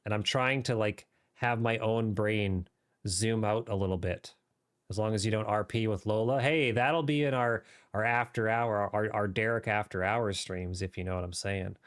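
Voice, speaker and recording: A man's voice: lowish voice, fairly even intonation, normal speed. A man streaming a game live, chatting casually and riffing off the cuff in a rambling way. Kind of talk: casual livestream chat while gaming.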